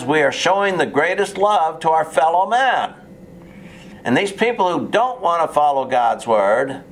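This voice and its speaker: Man, preacher, sermon, slightly high pitch, earnest, mildly sarcastic, faint background noise.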